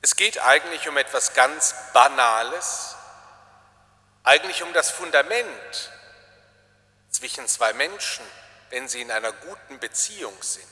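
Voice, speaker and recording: Slow, bright-voiced male preacher. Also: mid-range voice, expressive. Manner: slow, deliberate and emphatic. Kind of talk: reflective sermon. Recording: long hall reverb.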